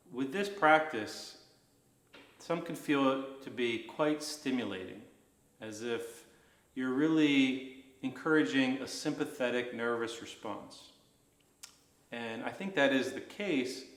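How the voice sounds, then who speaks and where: A man's voice: medium pitch, a bit bright. Roomy-sounding man guiding a breathing practice. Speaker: breathwork instructor. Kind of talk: guided breathing lesson.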